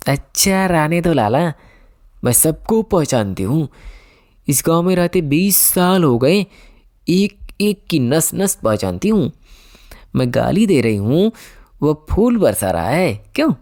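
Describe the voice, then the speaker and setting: A shrill, quarrelsome village wife scolds in this audiobook, put on by a male narrator. The sound is close and dry, with no room around it. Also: sing-song, takes it slowly, a little mellow, dry recording, exaggerated voice. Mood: fierce scolding. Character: fierce sharp-tongued village wife.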